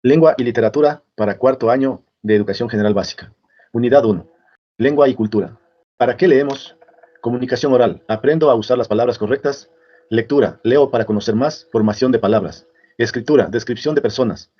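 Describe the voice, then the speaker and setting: Male presenter, steady reading of headings; muffled lo-fi sound. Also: medium pitch, fairly quick. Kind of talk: reading a curriculum list aloud.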